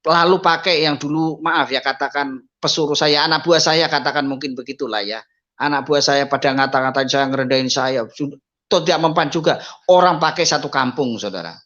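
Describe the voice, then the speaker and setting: A man sharing his personal testimony in Indonesian, often calling to the listeners and rising sharply in pitch when moved. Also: brisk, bright, forceful tone, highs cut off. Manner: addresses listeners as brothers, rises high when moved. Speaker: testimony speaker.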